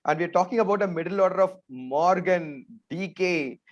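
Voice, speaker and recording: A man with an Indian accent hosts a cricket discussion show, keeping things casual and conversational and often throwing tag questions to his co-panelists. His voice sits high and moves at a moderate pace. The audio is dull, lo-fi, and band-limited.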